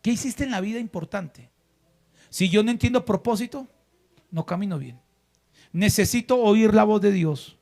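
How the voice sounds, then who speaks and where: A man's voice: high voice, normal speed, long pauses. A male pastor preaching a sermon to a congregation, firing rhetorical questions and asking the listeners to repeat phrases after him. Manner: shifts between loud exhortation and hushed emphasis.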